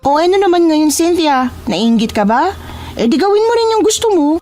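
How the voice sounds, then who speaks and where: A bratty, boy-crazy twin sister taunts and sneers, as a woman puts her on. Her voice sits high and climbs sharply when she mocks. Soft music hums under the narration. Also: animated, brisk. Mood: scornful. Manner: shrill, mocking, vain. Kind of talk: dramatized storytelling.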